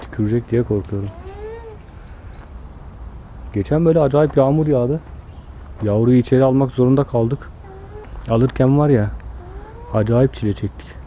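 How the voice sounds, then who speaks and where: Male vlogger, casual walk-and-talk outdoors at a zoo, warm dark tone, calming animals. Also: medium pitch, moderate pace, pauses often, a little hiss or hum. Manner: chatty, coaxing and soothing animals. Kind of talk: casual narration while filming animals.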